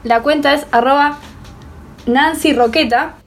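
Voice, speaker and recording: A young woman in casual chat, blunt and teasing. Her voice sits high, with a faint background hum. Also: unhurried. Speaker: podcast co-host.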